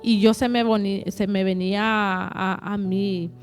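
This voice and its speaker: A woman telling a personal testimony in an interview. She talks haltingly, repeats words and acts out what others said. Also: mid-range voice, fairly even intonation, faint music behind.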